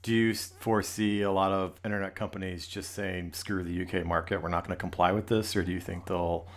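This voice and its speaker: A man's voice: sits low, steady tone, fairly quick. An American man in casual podcast talk, with a dry, wry manner and easy laughter. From United States.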